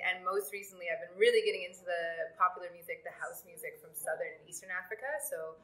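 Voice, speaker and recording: A woman drummer with a bright, slightly low voice, explaining her background at a steady pace. Her voice echoes in the room and there is faint music behind her. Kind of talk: casual interview.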